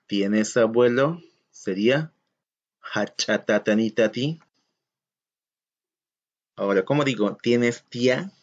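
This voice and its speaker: A man's voice: medium pitch, a little mellow. A man teaching a recorded school lesson, explaining step by step and asking the class questions. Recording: dull lo-fi sound.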